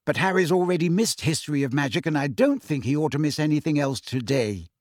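A man's voice: fairly high pitch, animated, quick pace, a little mellow, dry recording, studio quality. A man voicing a severe teenage schoolgirl with a lofty, prim manner.

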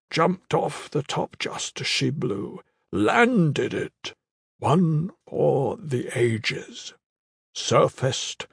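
A man voicing a dying, wounded male warrior in an audiobook, speaking weakly in a slow, halting way. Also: medium pitch, gravelly, slightly rough, dry recording, clean studio sound, pitched above the performer's own voice, exaggerated voice. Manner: weak, slow, halting delivery. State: fading, barely holding on. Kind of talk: audiobook character voice.

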